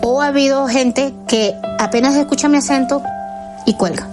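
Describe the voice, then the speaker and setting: A woman's voice: high-pitched, normal speed. A woman with a Venezuelan accent giving personal testimony in an interview in an earnest way, with some hesitations. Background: background music.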